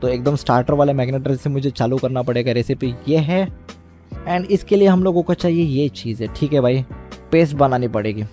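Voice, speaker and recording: A man's voice: a little high, a little mellow. A young man casually commenting on his gameplay, explaining each step and mixing English words into his talk. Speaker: gaming channel host.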